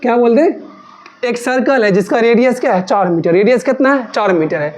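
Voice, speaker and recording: A woman's voice: fairly high pitch, fairly quick, a little mellow. Lady maths teacher, keeps asking then answering herself, repeats everything, coaxing drill style. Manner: asks questions and answers them herself in call-and-response; repetitive, coaxing drill of key terms. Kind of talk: classroom maths lesson.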